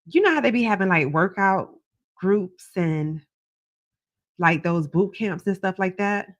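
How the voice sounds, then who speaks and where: A woman's voice: medium pitch, expressive, unhurried, no room sound, highs cut off. Effusive woman psychic hotline host, dry sound. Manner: effusive greetings and thanks, familiar address. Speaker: psychic tarot reader hosting a live call-in. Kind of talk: psychic hotline live reading, conversational.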